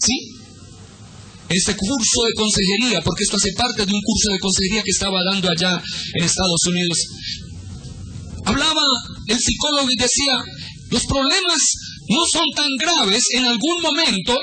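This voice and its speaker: High-voiced pastor preaching over music. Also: male voice, rough recording. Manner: preaching with rhetorical questions to the congregation; swings between raised emphatic lines and low hushed retellings. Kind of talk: sermon.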